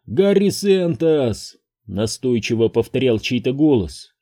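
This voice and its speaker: Man reading a tense first-person audiobook, husky and mellow. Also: mid-range voice. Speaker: audiobook narrator.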